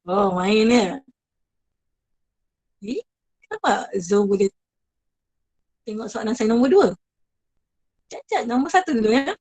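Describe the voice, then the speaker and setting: A woman's voice: on the high side, animated, takes it slowly, long pauses, a little mellow, no echo, rough recording. A woman teacher with a Malaysian Malay accent, running an online class, chatty and apologetic, praising her students one by one.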